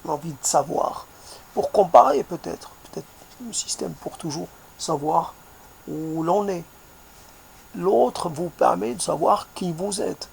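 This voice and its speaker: A man with a noticeable accent, speaking softly in a reflective monologue, pausing often and searching for his words. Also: high voice, gravelly, slight background noise. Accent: foreign accent in French. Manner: hesitant, searching for words, many fillers; soft-spoken.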